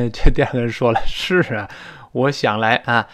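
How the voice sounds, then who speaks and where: A man with a Mandarin Chinese accent teaching a spoken English lesson, patiently explaining and slowly modelling phrases for students to repeat. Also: mid-range voice, fairly even intonation, fairly bright tone.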